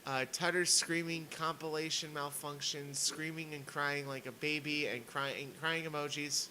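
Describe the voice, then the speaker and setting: Male streamer, sarcastic rant, high-ish piercing bright voice, faint hum behind. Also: fairly even intonation, moderate pace, poor audio. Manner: sarcastic, mocking, reads posts aloud. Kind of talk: ranting commentary stream.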